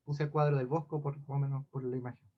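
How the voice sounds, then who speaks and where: A man's voice: medium pitch, flat delivery, fast, muffled recording. A man, casually telling a myth to a scout group, hesitant and full of restarts and asides. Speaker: storyteller.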